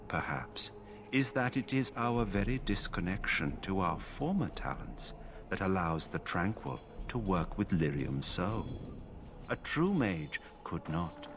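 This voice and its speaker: An actor playing a calm, emotionless male mage enchanter in a video game, speaking in a flat monotone. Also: sits low, exaggerated voice. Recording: game audio with music behind.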